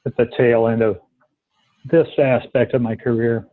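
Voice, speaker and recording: A man in his fifties answering coaching questions in a thoughtful, halting way with many pauses and ums. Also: medium pitch, little pitch movement, no echo. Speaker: coaching student. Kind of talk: live coaching demonstration. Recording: tinny phone-like call line.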